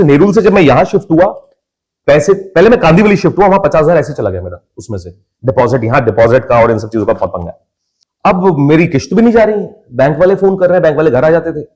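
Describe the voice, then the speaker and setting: A young Indian man from India, a podcast guest and actor, telling his life story in casual conversation and acting out his family's voices. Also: fairly high pitch. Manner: lively storyteller who acts out family members' voices.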